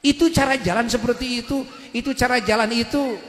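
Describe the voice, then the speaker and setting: A man preaching a sermon in with a tinge. He keeps asking his listeners "ya kan?" and breaks into loud, emphatic bursts. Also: extremely high pitch, brisk. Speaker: Islamic preacher. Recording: echoey hall with long reverb.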